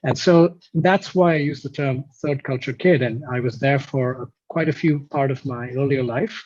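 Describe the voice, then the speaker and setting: A man's voice: mid-range voice, normal speed, a little mellow. A man from Kuwait, a guest in an interview, talking in a reflective, explanatory way over a video call. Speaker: guest musician. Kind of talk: conversational interview. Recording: dull, lo-fi call audio.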